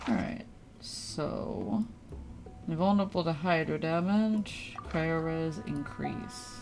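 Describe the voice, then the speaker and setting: During a casual gaming livestream, a woman with a low voice talks slowly and playfully to her viewers. She uses slangy, informal language and curses now and then. Game music and sound effects play in the background.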